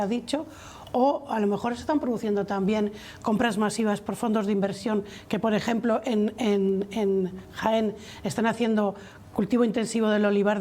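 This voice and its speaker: A woman's voice: mid-range voice, mellow, slight background noise. A woman journalist questioning a guest in a broadcast interview, building long questions in a hesitant way.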